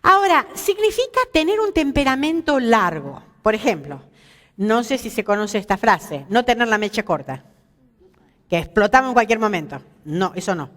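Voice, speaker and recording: A woman's voice: a little high, moderate pace, in a large hall. A woman teaching a Bible lesson at a women's seminar, asking her listeners questions and joking about herself. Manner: lively, asks the audience questions, jokes about herself. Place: church hall.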